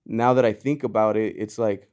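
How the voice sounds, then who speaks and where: A podcast guest born in Mexico, this clothing brand founder has a low-leaning voice that's smooth and a little mellow, with fairly even intonation at a moderate pace. His casual talk is loose and rambling, packed with "you know" and "like," with frequent restarts.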